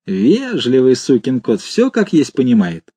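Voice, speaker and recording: A man's voice: mid-range voice, huge pitch swings, unhurried, mellow, slightly rough, exaggerated voice. Man doing a timid, tender commandant. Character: timid, gentle male commandant, fond of his creature.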